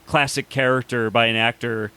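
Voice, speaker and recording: Male podcast host, middle pitch, eager casual film chatter. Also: steady tone, normal speed, sharp tone, clear, resonant tone. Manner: enthusiastic, swears casually, many restarts.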